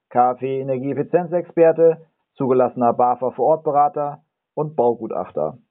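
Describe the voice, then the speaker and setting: A middle-aged man explains his aims in an earnest, methodical way, counting his points off one by one and stumbling now and then over a word. His voice sits at an ordinary pitch. The sound is thin and boxy, like a phone line. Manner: occasional slips and self-corrections. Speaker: energy and building consultant. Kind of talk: self-recorded channel introduction. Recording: narrow, phone-like audio.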